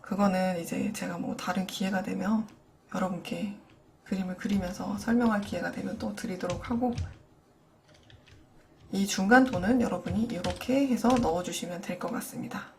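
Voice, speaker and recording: A woman's voice: medium pitch, fairly even intonation, moderate pace, vocal fry, a little mellow, slight background noise. A young adult woman teaching digital coloring in a screen-recorded tutorial. She speaks patiently and explains each step directly to her viewers. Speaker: digital painting instructor.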